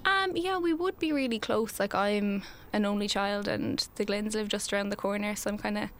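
A woman's voice: medium pitch, moderate pace, slight background noise. A woman in her twenties from Galway with a west of Ireland accent, recalling events casually as an interviewee. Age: 20s. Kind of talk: casual recollection.

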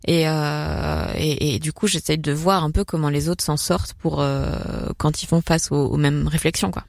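A woman's voice: low-pitched, fairly even intonation, normal speed, vocal fry, dry recording, studio quality. A woman chatting casually as a radio guest, wry and self-deprecating. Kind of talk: casual chat.

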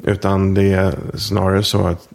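A man, an author, talking in a relaxed interview and telling an anecdote in a reflective way. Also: deep voice, gravelly. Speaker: author guest. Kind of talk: casual interview talk.

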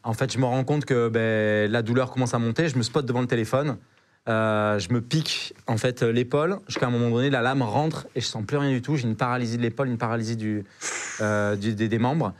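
A young man tells an adventure story as a podcast guest, loose and slangy. He stumbles and repeats words as he goes, and his pitch sits in an ordinary middle range. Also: fairly quick. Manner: slangy, animated, full of hesitations and repeated words. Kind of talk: casual storytelling.

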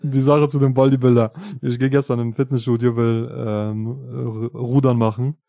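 A man's voice: medium pitch, flat delivery, normal speed, gravelly, warm tone, dry recording, clean studio sound. A man co-hosting a casual podcast, telling anecdotes in a chatty way and often asking "weißt du?". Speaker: podcast co-host.

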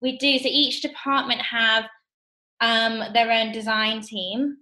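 Her voice leans high and her tone stays level. In her twenties and working as an assistant buyer, she's a guest in a relaxed interview, talking about her job in a bright, fast manner with lots of "like" and "kind of".

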